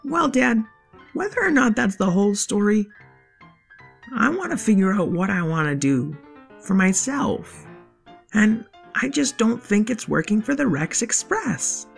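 Lady putting on a high bouncy little boy dino, always asking questions, soft music underneath. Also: very animated, unhurried, vocal fry. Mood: earnest. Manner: eager, questioning, pleading. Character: curious young boy dinosaur, full of questions. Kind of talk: storybook character voice.

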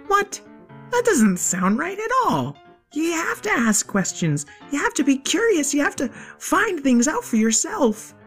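Lady putting on a high bouncy little boy dino, always asking questions, soft music underneath. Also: very animated, a little slow, full character voice. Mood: protesting. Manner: eager, questioning, pleading. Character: curious young boy dinosaur, full of questions. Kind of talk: storybook character voice.

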